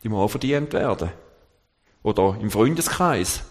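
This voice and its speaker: Guy preaching a sermon, kinda halting, restarts a lot, big echoey church sound. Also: fairly low pitch, animated. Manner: halting, searching for words, slowing on scripture quotes. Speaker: lay preacher. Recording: long church reverb.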